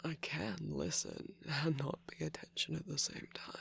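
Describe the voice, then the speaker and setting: Shadow Milk Cookie, a gravelly whispering trickster voiced by a performer. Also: mid-range voice, normal speed, a bit bright. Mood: teasing. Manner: dismissive, teasing, evasive, with sighs and laughs. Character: sarcastic mischievous male cookie jester, scheming. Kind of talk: ASMR roleplay.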